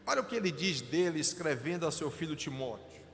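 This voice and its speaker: Pastor telling his testimony from the pulpit, earnest and emotional, kinda high voice, echoey church. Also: big pitch swings, a little fast, a bit bright, soft background music. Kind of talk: sermon with personal testimony. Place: church sanctuary.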